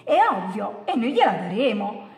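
A woman's voice: medium pitch, big pitch swings, moderate pace, gravelly, roomy sound, faint music behind. A woman voicing a rude, lazy storybook monster who snaps insults and orders. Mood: scheming. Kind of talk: storybook read-aloud.

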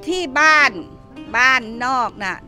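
Woman, villager, friendly quick chat, high voice, faint music behind. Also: big pitch swings, sharp tone. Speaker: local villager. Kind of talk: brief casual chat.

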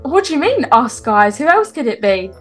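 A woman's voice: sits high, sing-song, normal speed, faint music behind. A woman voicing a firm mother in a game role-play, laying down the rules for her kids. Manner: firm, instructing.

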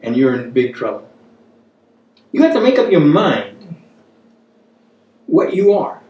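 Seated at a wooden table in a small room, a fifty-something man teaches Scripture sermon-style, urging listeners earnestly and repeating lines for weight. His higher voice has a sing-song, measured delivery and a warm tone. The microphone is far off, the space echoes, and the high frequencies are cut off.

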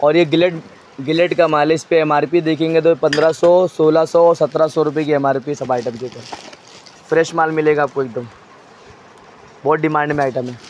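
A man showing stock in a crowded wholesale storeroom, briskly listing items and prices and telling a helper what to hold up. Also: fairly high pitch, steady tone, a little mellow, muffled recording, slight background noise. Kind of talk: walk-through product showcase.

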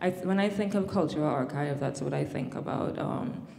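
A Trinidadian-accented woman in her thirties speaks thoughtfully as an academic panelist on stage in a large hall, using many fillers and restarts. Her deep, gravelly, slightly mellow voice moves at a moderate pace, with slight background noise and long, echoing reverb.

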